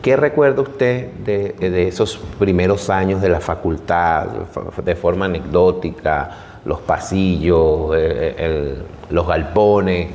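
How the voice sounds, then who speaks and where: A man with a Venezuelan accent asks an interviewee questions in a low voice, stumbling and restarting his sentences. The room has a long reverb and faint noise. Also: slow pace, a little mellow.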